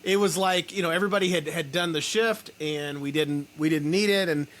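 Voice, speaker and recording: A man hosts a casual interview chat, talking loosely with lots of fillers like "you know." His voice is a little high, brisk and a bit bright.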